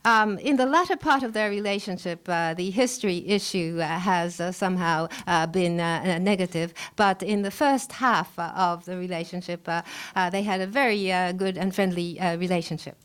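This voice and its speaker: A woman working as a live consecutive interpreter at a press briefing, rendering remarks into English in short, halting phrases with frequent pauses. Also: on the low side, smooth. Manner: halting, pausing often mid-phrase.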